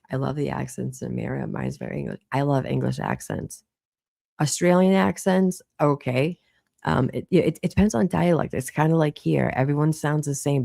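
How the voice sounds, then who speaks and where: Boston woman in her thirties hosting a live chat, blunt and foul-mouthed, with a gravelly voice recorded close and dry. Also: rumbling low, a little mellow, dry recording. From Boston, Massachusetts. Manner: chatty, blunt, swears freely. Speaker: livestream host. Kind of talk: casual late-night live chat.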